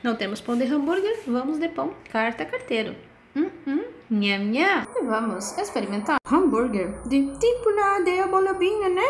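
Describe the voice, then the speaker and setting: A woman's voice: sits high, sing-song, a little fast, hardly any pauses, slight background noise. A woman in a casual cooking vlog, chatty and playful. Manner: chatty and playful, sings silly made-up French lyrics. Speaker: vlogger.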